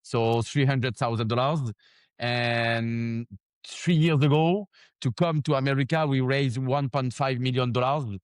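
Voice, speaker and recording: A man's voice: medium pitch, steady tone, a little slow, clean tone, no echo, clean studio sound. A man with a French accent answering interview questions in broken English, searching for words and slipping on grammar. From France. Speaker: founder of a gym franchise, interview guest.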